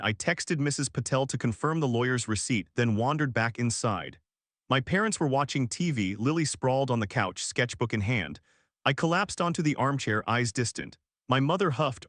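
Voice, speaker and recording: A man's voice: mid-range voice, fairly bright tone, no room sound. Man narrating a story, dry sound. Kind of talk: scripted first-person story narration.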